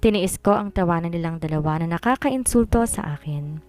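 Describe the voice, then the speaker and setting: Lowish-voiced woman narrating a story. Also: lively intonation, brisk, a little mellow, soft background music. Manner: earnest, emotional storytelling. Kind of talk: first-person story narration.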